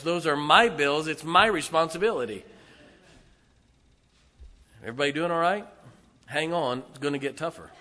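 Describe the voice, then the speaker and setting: Emphatic preacher in a reverberant hall. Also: male voice, a little high. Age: 40s. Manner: emphatic, swinging loudness, rhetorical questions to the congregation. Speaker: pastor. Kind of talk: sermon. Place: church sanctuary.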